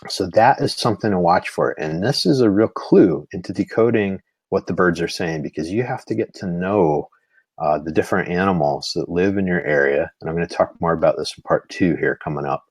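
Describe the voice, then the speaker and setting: A man's voice: low-pitched, brisk, husky, no echo. A man giving a live-streamed lesson on bird behavior, explaining patiently with frequent "you know" fillers. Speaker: nature instructor.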